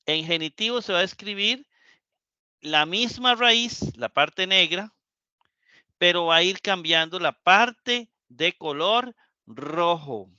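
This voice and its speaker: A man teaching a live class, explaining words slowly syllable by syllable and often checking in with his students. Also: high voice, animated, sharp tone, clean tone, no room sound, dull audio. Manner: slow, syllable-by-syllable explanation with frequent "¿verdad?". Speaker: Greek teacher.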